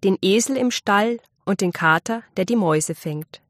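A woman reading aloud and voicing the middle son of a miller, an easygoing young man who talks calmly and kindly. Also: mid-range voice, moderate pace, no room sound, studio quality, lightly acted. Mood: friendly. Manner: calm and friendly.

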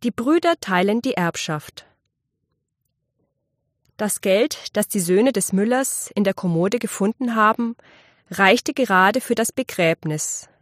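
A woman reads a fairy tale aloud in a clear, measured way, with a voice of middle pitch. The recording is dry and close, with no room sound around her. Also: expressive, dry recording. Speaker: narrator. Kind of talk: storybook reading.

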